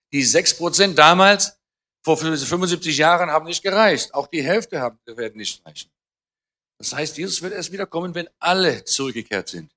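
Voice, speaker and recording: A man's voice: fairly high pitch, sharp tone. A man in his fifties, born in Germany, gives an earnest, conversational talk to a church audience, quoting scripture, adding light humour and often hesitating and correcting himself. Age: 50s. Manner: talks with frequent hesitations and self-corrections. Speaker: guest speaker on Israel.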